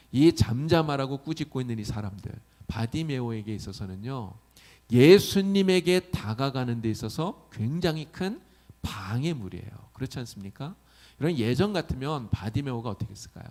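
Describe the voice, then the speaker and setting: A man's voice: mid-range voice, vocal fry, darkish tone. A male pastor preaching a sermon, often asking the congregation questions.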